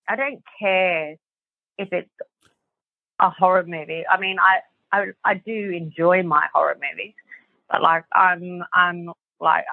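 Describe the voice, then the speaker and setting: A woman's voice: on the low side, dry recording. Chatty Australian woman guest, rambling and swearing, heard over a tinny, dry phone line. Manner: rambling, heavy on fillers and swearing. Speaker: guest author. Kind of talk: casual podcast chat.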